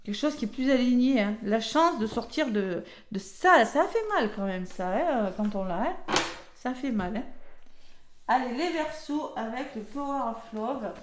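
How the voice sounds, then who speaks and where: A woman's voice: a little high, lively intonation, a little slow, slight background noise. A woman giving a casual weekly card reading, chatty and talking straight to her viewers. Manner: chatty, peppers talk with "hein" and "d'accord"; addresses viewers directly. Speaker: tarot card reader. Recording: echoey room.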